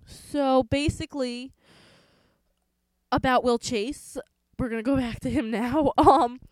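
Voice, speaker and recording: Young woman podcast host rambling through a story, lots of "like", fairly high and smooth, dry close sound. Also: fairly even intonation, slow pace, darkish tone, dry recording, poor audio. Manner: chatty storyteller, many "like" fillers. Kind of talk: casual chat.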